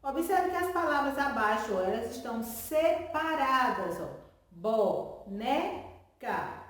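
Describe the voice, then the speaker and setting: A woman's voice: high-pitched, expressive, moderate pace, fairly bright tone, far from the mic. A woman teacher giving a remote lesson to children, stretching out words syllable by syllable and answering her own questions in a sing-song way. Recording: echoey room, voice from off-mic.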